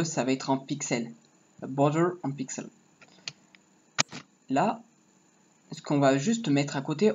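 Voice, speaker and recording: A man's voice: a little high, darkish tone. Male tutor, casual and rambling, drawling through a coding lesson, muffled home mic with keys clacking. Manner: rambling, joking asides, talks while typing. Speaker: HTML tutorial teacher. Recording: dull lo-fi mic with faint noise. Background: keyboard typing.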